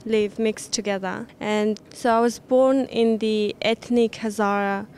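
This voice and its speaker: A woman's voice: medium pitch, fairly even intonation, unhurried, darkish tone, a little hiss or hum. A young woman from Afghanistan, speaking earnestly and thoughtfully in an interview, with frequent restarts. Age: young adult. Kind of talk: personal account in an interview.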